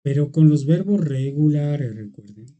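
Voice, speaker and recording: In a muffled recording, an English teacher takes an online class through grammar one step at a time, pausing often to check on the students. The mid-range voice is very dark and mellow, slow and unhurried, yet the intonation is lively.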